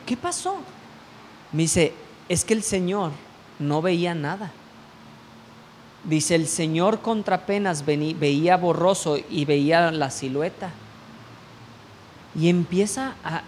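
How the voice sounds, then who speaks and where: A man's voice: sits high, slight background noise. A man preaching a sermon, telling a personal testimony and asking the congregation rhetorical questions. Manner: slow, deliberate delivery.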